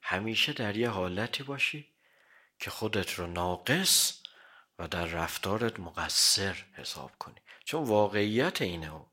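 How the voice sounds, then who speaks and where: Bright-voiced man preaching a sermon. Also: lowish voice, animated. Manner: quotes Arabic hadith then explains in plain Persian; clears throat often. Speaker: cleric. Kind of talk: religious sermon.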